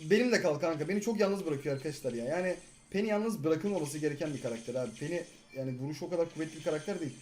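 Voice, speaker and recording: A young man in his twenties giving live gameplay commentary, excitable and often exasperated at his teammates. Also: a little high, a little hiss or hum. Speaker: gaming YouTuber.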